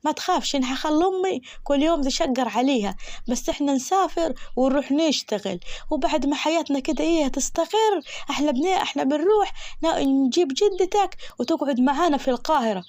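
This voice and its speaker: A woman's voice: high voice, fast talker, a little mellow, no echo, natural voice. A woman with an Egyptian accent voicing a naive, lovestruck village girl who pleads and whines. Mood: pleading. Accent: Egyptian Arabic.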